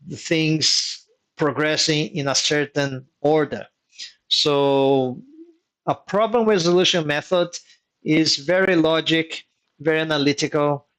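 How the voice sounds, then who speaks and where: A Portuguese-speaking man, native in that language, mentors participants in a live online workshop, explaining advice step by step and repeating key points. His voice is fairly high and fairly bright.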